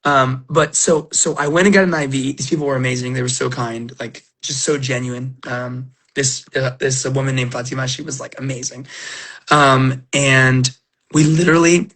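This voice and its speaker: This middle-aged man hosts a casual livestream where he opens trading cards and chats with viewers, telling rambling, emotional stories full of fillers and restarts as he recovers from illness. His mid-range voice is a bit bright, with fairly even intonation and a moderate pace.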